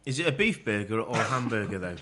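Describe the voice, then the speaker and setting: A man's voice: lowish voice, sing-song, quick pace, crowd noise. A man with an English accent co-hosting a podcast, teasing the guest with dry asides in casual chat. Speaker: podcast co-host.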